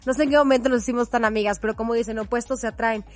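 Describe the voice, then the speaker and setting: Chatty woman with a higher voice. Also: steady tone, rapid-fire. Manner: chatty and effusive, laughs often. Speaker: podcast co-host. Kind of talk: casual chat.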